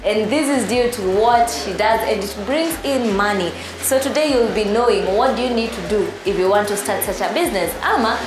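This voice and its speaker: A woman with a Kenyan accent hosting a casual interview, switching between languages as she talks. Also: mid-range voice. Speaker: show host and interviewer. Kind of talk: casual interview, mixing English and Swahili. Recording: echoey room, music behind.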